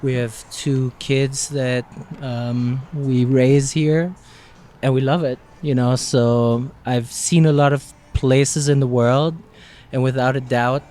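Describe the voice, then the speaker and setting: A man from Germany speaks in an easy, friendly way at a middle pitch. A light hiss sits behind his voice. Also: a little mellow. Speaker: restaurant co-owner. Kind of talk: casual interview.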